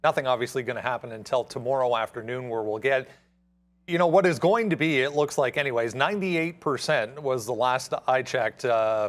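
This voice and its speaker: Medium-pitched man explaining market news, halting. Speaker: co-host reporting market news. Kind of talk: unscripted market news commentary.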